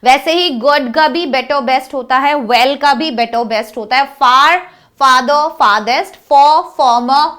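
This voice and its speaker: Indian woman teacher, high voice, drags out the examples, then rushes the explanations in hindi and english. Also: a bit bright. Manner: mixes Hindi and English, drawls example words slowly, then explains in quick bursts; checks understanding often. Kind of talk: grammar lesson.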